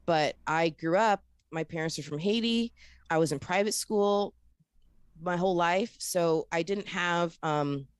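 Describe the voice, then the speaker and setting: A woman's voice: fairly low pitch, a little slow, smooth, dry recording, studio quality. A woman from Florida, an upbeat and chatty podcast producer who tells stories and laughs often as an interview guest. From Florida, USA. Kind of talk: casual interview chat.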